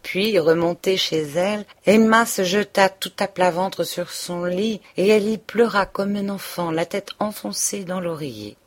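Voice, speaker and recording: A woman reading a classic novel aloud as audiobook narrator, in a steady, even literary manner. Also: medium pitch, a little slow, hardly any pauses. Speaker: audiobook reader.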